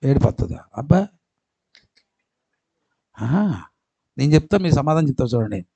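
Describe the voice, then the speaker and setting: A man with a Telugu accent preaching a sermon as pastor, emphatic, quizzing the congregation and swinging between loud calls and quiet asides. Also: mid-range voice, creaky, husky, dry recording. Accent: Telugu, Andhra. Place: church hall.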